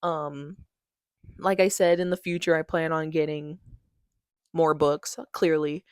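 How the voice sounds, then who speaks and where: A woman's voice: low-pitched, little pitch movement, takes it slowly, dry recording, studio quality. A young woman chatting casually about a book haul in a bubbly, gushing, giggly way. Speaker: book vlogger.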